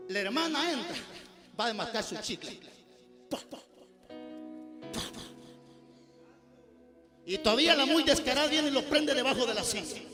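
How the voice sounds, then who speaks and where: Guatemalan pastor guy preaching at church, really high voice, fiery and scolding, music going behind him. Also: lively intonation, fast talker. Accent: Guatemalan Spanish. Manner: fiery, scolding, rising to shouts. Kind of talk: sermon. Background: music playing.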